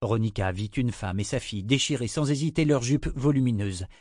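A man reading an audiobook in an even, measured manner. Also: mid-range voice, no room sound, clean studio sound. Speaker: audiobook narrator. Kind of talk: scripted narration.

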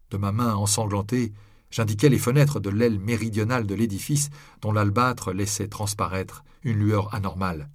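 A man reading a novel aloud in the first person, with steady, measured storytelling. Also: fairly low pitch, breathy edge, no echo, studio quality. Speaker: audiobook reader. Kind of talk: scripted novel narration.

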